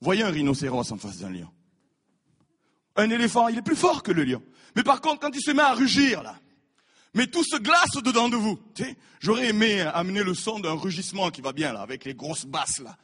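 A man preaching a sermon, animated, repeating his words and acting out the people in his stories. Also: sits high, moderate pace, breathy edge. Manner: animated, repeats words, acts out voices of biblical figures. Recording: reverberant hall.

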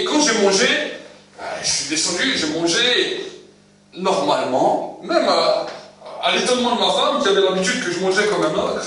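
A man with a rather high voice preaches a sermon in a very echoey room, far from the mic, with faint noise behind him. He tells it as a story, repeating phrases for emphasis. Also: bright, forceful tone.

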